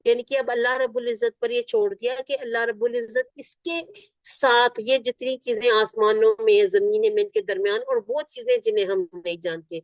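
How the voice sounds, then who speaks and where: A woman teaching Quranic vocabulary word by word. She is patient, repeats each term slowly and keeps checking that her students follow. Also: a little high, fairly even intonation, dry recording. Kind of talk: word-by-word Arabic vocabulary lesson.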